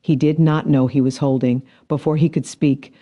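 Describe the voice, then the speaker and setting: A man narrating a science fiction story in a measured, dramatic storytelling manner. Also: a little high, flat delivery, warm tone. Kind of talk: scripted narration.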